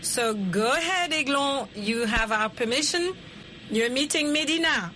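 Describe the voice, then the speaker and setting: Middle-aged woman hosting, slow teacher-ish prompting, bright voice. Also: high voice, animated, slight background noise, low-quality recording. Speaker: host. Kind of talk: English practice call.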